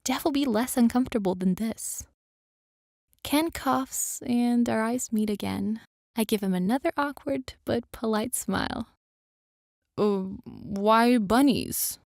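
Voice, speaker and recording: A woman's voice: fairly high pitch, measured pace, gravelly, darkish tone, dry recording, studio quality. A woman reading a scripted first-person story as its narrator.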